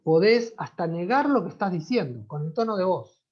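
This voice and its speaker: Dull lo-fi audio from a computer mic on a video call carries a teacher with a Rioplatense Spanish accent giving a conversational online lesson and often checking on her students. Her mid-range voice is animated and darkish in tone, at a moderate pace.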